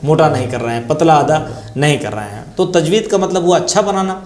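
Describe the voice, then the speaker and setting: A man's voice: on the high side, lively intonation, a little mellow, reverberant. A man with an Indian Urdu accent teaching tajweed, patiently repeating key terms and asking and answering his own questions. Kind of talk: religious lesson explanation.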